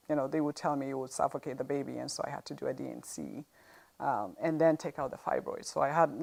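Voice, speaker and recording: A middle-aged Ugandan woman with an East African accent, an interview guest, gives a conversational personal testimony about a health experience. Her very low voice crackles with vocal fry and is a little mellow. She talks casually, pausing often as she searches for words.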